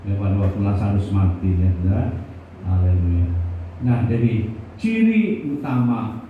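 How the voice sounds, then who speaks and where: A slow-talking man preaches in a church, joking with his listeners and asking them questions. He is heard from a distance in a very echoey hall. The sound is thin and phone-like, with faint noise behind. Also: mid-range voice. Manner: jokey, conversational, asks the congregation questions. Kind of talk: sermon.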